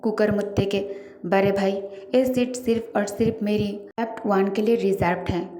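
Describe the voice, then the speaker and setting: A woman's voice: mid-range voice, fairly even intonation, normal speed, mellow, soft background music, natural voice. A woman playing a cocky, theatrical young man. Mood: boastful. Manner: boastful, theatrical. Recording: roomy echo.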